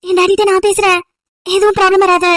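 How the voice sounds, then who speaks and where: A woman's voice: very high-pitched, flat delivery, brisk, a bit bright, no room sound, studio quality. A woman voicing a protective young woman in an amateur audio drama, soothing and earnest. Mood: comforting.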